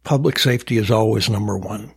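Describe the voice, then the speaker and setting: A man with a husky, slightly breathy voice, answering interview questions as a local politician. He sounds proud and upbeat, stacking up achievements with plenty of uh and restarts. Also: lowish voice, fairly quick. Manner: upbeat, boastful, frequent uh fillers. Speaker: mayor and county supervisor candidate.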